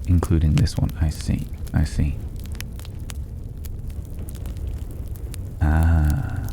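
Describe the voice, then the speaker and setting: In a fantasy ASMR roleplay, a man puts on an extremely deep voice, fully in character as a mysterious, cultured, solitary stranger who lives among a dragon's hoard. He sounds curious, speaking slowly and philosophically with measured, thoughtful pauses and soft lapses into breathy whispers. Background noise is clearly audible behind him.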